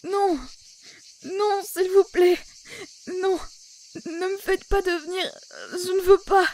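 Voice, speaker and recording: A woman voicing a frightened, gentle young goat-monster boy in a fan dub, trembling, halting and tearful. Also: very high-pitched, steady tone, a little hiss or hum. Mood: panicked, pleading. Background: music.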